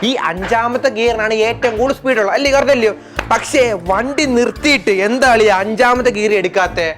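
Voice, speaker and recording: A woman's voice: on the high side, fast, music in the background, natural voice. A woman playing a groaning, whiny bike seat. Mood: puzzled.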